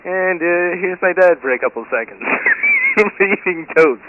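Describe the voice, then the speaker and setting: A man's voice: high voice, huge pitch swings, slow. A man leaving a rambling, offhand message for a show over the phone. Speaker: caller. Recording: tinny hissy phone line.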